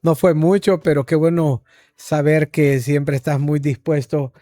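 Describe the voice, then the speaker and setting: A man's voice: a little high, little pitch movement, unhurried, warm tone. A man hosting a podcast interview who greets his guests in an upbeat, welcoming way. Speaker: podcast host.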